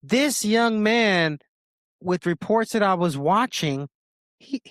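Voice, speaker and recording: A man's voice: high-pitched, animated, takes it slowly, fairly bright tone, no echo, clean studio sound. A man co-hosting a podcast, giving blunt, emphatic and opinionated commentary in casual chat. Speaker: podcast co-host.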